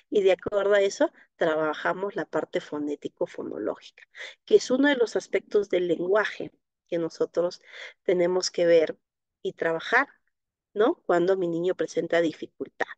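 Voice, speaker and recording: Calm Latin American woman instructor for a webinar, patient, tags "¿no?", dry and slightly dull audio. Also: fairly low pitch, moderate pace, no echo. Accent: Latin American Spanish. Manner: explanatory, frequent tag "¿no?", soft diminutives. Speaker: speech therapy instructor. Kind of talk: live online class, answering viewer questions.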